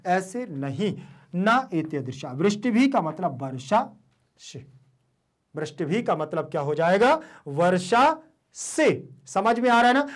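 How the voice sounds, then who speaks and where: A man giving an online lesson and walking students through a Sanskrit text. He says each meaning twice and keeps asking questions he then answers himself. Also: high-pitched. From India. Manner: repeats each meaning and asks rhetorical questions. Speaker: teacher.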